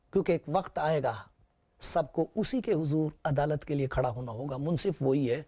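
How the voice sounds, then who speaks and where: Guy with a high voice preaching, repeats lines and asks the crowd questions. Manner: retells scripture with repetition and rhetorical questions. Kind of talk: sermon.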